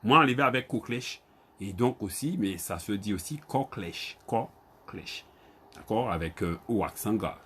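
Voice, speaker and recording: A man with a Guadeloupean Creole accent teaching an online Creole lesson. He repeats each word slowly, spells it out letter by letter and calls on his students by name. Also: lowish voice, lively intonation, pushed and bright, breathy edge.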